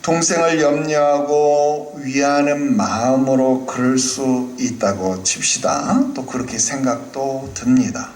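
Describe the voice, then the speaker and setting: A man's voice: medium pitch, takes it slowly, few pauses, darkish tone, echoey room. A male pastor preaching a sermon in a church, speaking animatedly and asking the congregation questions. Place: church hall.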